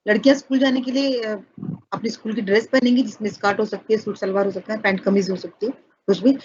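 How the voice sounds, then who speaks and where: Higher-voiced woman teacher, muffled recording. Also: a little hiss or hum. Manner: explains step by step with examples; mixes English words into Hindi. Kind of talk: online class lecture. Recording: dull, muffled audio.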